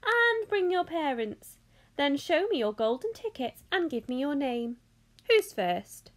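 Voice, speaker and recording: A woman voicing an effusive, excitable old male factory owner in a high, fluty voice for a storybook. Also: measured pace. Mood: welcoming, excited. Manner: gushing, exclamatory, polite.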